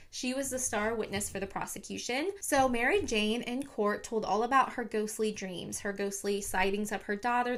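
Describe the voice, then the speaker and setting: A young woman casually retelling a true crime story to her viewers on camera, chatty and full of fillers. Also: mid-range voice. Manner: chatty, lots of "like", talks to viewers.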